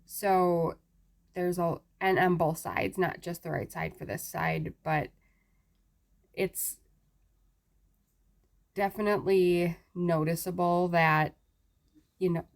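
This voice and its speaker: Slow, halting woman, weakened after surgery. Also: on the low side, fairly even intonation. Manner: halting, searching for words, with long pauses. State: weakened after surgery, struggling to form sentences. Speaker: vlogger giving a health update. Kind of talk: casual talk to viewers.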